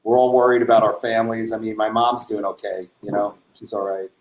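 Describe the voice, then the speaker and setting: A man, a comedian trading jokes and chuckling often in casual banter. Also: brisk. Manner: joking, chuckles often, lively pitch. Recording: echoey room with faint noise.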